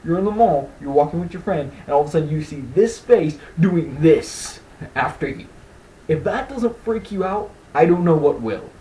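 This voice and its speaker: A man's voice: fairly high pitch, moderate pace, a little hiss or hum, poor audio. A young man telling stand-up style stories to camera in a casual, rambling way, acting out other people's voices. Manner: rambling, animated, breaks into laughs, acts out voices. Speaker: stand-up storyteller. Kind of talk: casual comedic storytelling to camera.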